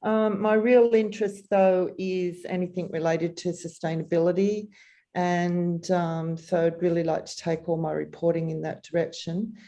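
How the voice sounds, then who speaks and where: Woman reporter doing her intro on a call, warm lowish voice, lots of uhs. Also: flat delivery, moderate pace. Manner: enthusiastic, hesitant with many ums. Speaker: freelance reporter. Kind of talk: self-introduction on a video call. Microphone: video call.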